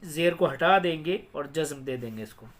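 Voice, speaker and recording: A man teaching Quran reading in a recorded lesson, explaining the rules patiently and then spelling out words slowly, syllable by syllable. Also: a little high, expressive, fairly bright tone.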